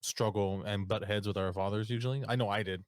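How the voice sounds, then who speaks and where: A male podcast host with a fairly low voice puts casual questions to his guest. He feels his way through each question with easygoing pauses and restarts. The recording is dry and close. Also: fairly even intonation, smooth, no echo. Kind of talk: casual interview chat.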